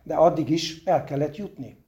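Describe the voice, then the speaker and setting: A man reads a story aloud in a fairly high, mellow voice. His delivery is plain and unpolished, with a few self-deprecating asides. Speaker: reader.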